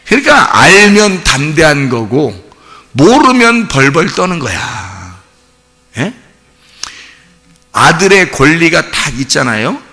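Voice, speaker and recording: A male pastor preaching an emphatic sermon in a church, firing off rhetorical questions and often shouting. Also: a little high, big pitch swings, slow pace, pauses often, long reverb tail, faint music behind.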